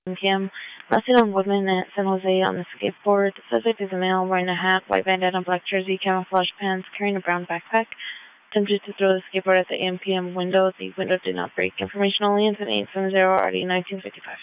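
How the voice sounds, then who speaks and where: Male police radio dispatcher, high voice, fast clipped codes, dull scanner sound. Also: clear, resonant tone. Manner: rapid clipped codes, flat readouts. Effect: police radio transmission.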